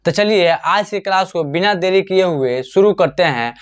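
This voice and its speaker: A man's voice: high-pitched, expressive, moderate pace. A man teaching an online Hindi lesson, often asking a question and answering it himself and repeating key points. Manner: repetitive, asks and answers his own questions.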